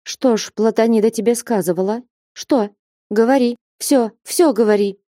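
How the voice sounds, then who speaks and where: A woman's voice: lowish voice, animated, normal speed, dark tone, no echo, studio quality, close to an everyday voice. A woman reading an audiobook voices a stern older abbess who speaks curtly and with agitation. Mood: agitated.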